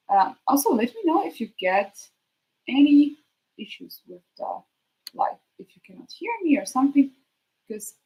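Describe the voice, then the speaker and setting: A woman chatting casually to her live stream while she cooks, thinking aloud in a halting way and trailing off. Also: medium pitch. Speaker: streamer hosting a live cooking chat. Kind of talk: casual chat while cooking. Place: kitchen, next to the sink. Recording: noisy kitchen with clicks. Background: cooking noises and clicks.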